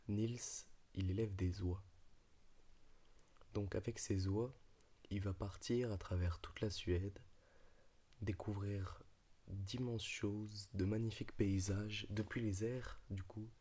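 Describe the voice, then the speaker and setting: A man with a low, husky voice talks in a soft library half-whisper. He moves slowly and a little hesitantly through his ASMR book talk and reading, keeping the melody very flat. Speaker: ASMR video creator.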